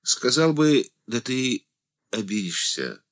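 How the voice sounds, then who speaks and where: This man's take on the same frail, timid old deacon is heavily acted and very animated, delivered slowly with a somewhat bright tone. The pleading stays high and fretful, rising almost to cries.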